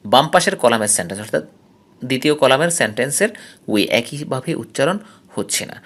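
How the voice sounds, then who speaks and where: A man with a Bangladeshi accent teaching English pronunciation in a recorded lesson, explaining step by step and repeating example phrases slowly. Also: mid-range voice, a bit bright.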